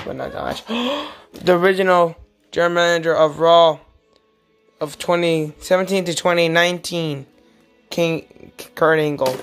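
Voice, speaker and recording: Slow-talking, excitable woman vlogger. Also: low-pitched. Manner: excitable, with frequent gasps and laughs. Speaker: vlogger showing a toy wrestling figure collection. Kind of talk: casual unscripted show-and-tell.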